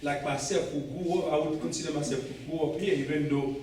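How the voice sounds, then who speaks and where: Animated Haitian-accented man in an echoey room. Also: fairly high pitch, fairly quick, slight background noise. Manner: animated, laughing, addresses the audience directly. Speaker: guest speaker. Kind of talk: storytelling talk to a club audience. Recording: echoey room, distant mic.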